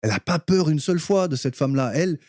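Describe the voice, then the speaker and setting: Man with a mellow voice, dry sound. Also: fairly high pitch, quick pace, dry recording. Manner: animated, acts out quoted lines in character voices. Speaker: podcast co-host. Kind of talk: casual film discussion.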